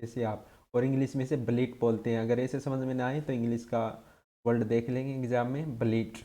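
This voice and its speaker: Male tutor, mellow and dark in tone, mid pitch, quizzes himself aloud for exam drills. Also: flat delivery, fairly quick. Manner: drills by asking and answering his own questions. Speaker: teacher. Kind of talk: exam-prep lesson.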